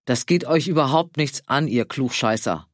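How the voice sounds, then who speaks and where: A man voicing a curt, gruff farmer who talks slowly and brushes people off. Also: mid-range voice, dry recording, studio quality, close to an everyday voice. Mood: rude. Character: gruff, boozy rural male farmer.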